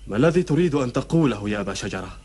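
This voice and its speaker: Casting: devout desert chieftain for a historical epic, mid-pitched, firm, declamatory, admonishing. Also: male voice, lively intonation, very fast, darkish tone, slightly rough. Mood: firm reasoning. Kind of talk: historical epic TV drama acting in formal Classical Arabic.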